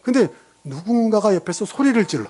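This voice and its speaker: Animated Korean pastor preaching a sermon. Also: male voice, high-pitched, a little fast. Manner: animated, storytelling, rhetorical questions to the congregation.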